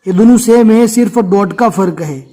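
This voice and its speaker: A man with a fairly high voice teaches the letters one by one. He talks slowly and patiently and repeats each letter again and again for beginners. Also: warm tone. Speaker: Urdu reading teacher.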